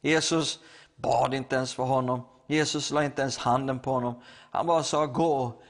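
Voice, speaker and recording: A man's voice: medium pitch, steady tone. A man preaching a sermon, retelling a Bible story with acted quotes and stammering restarts.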